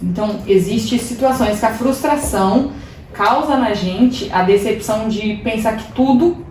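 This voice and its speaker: A young adult woman, a podcast guest, telling a personal faith story in a lively, laughing, self-deprecating way. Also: on the high side, normal speed. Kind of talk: casual testimony storytelling. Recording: roomy echo, distant mic, faint hiss.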